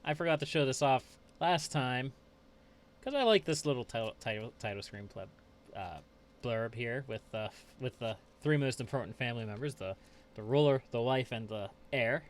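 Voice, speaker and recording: A man's voice: mid-range voice, moderate pace. Chatty man narrating his gameplay. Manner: chatty, reads game text aloud, chuckles often. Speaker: let's play host. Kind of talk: casual gameplay commentary.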